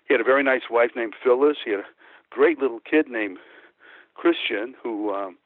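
Heard over a tinny, narrow-band phone line, this older man speaks in a mid-range voice at a moderate pace with no room sound. Texas-born and Chicago-raised, he's a former band musician reminiscing casually as a guest, hesitant and rambling.

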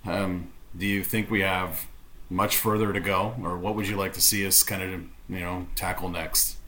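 A man's voice: low-pitched, fairly even intonation, normal speed, bright, forceful tone, a little hiss or hum. A man hosting a podcast interview, asking wordy, tentative questions in a conversational way.

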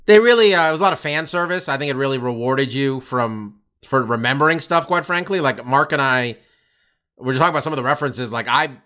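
A man's voice: mid-range voice, quick pace, bright, forceful tone. A man co-hosting a podcast in casual chat, rambling with lots of fillers and cheerful swearing. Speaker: podcast co-host.

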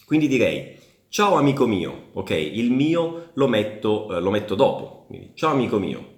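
A man teaching Italian in a casual online lesson, chatty and often checking in with quick tag questions. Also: fairly low pitch, big pitch swings, roomy sound. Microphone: camera.

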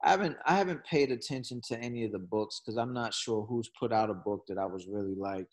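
A man talking casually in a conversation, earnest and given to repeating words as he searches for a thought, now and then breaking into fast bursts. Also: fairly low pitch.

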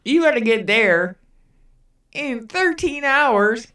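A woman's voice: fairly high pitch, lively intonation, takes it slowly, a bit bright, far from the mic, voice pushed up. A woman voicing a male goblin king who bargains in a sly, offhand way, recorded in a roomy space away from the mic. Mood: teasing.

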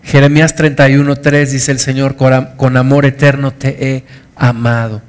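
A man's voice: mid-range voice, flat delivery, normal speed, clean tone. A middle-aged man preaching a sermon, earnest and emphatic, repeating key phrases. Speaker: pastor.

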